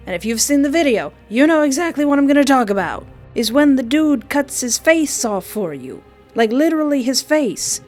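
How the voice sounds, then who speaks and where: This visual novel streamer speaks at a medium pitch with a darkish tone. As music runs under her voice, she gives scripted video commentary sprinkled with comic asides, punching individual words with dramatic stress.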